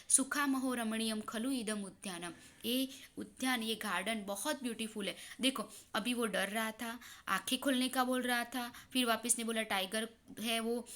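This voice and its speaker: A woman teacher explaining a text line by line, reading each passage and then paraphrasing it slowly. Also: a little high, bright, forceful tone. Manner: reads lines then explains them slowly, mixing English.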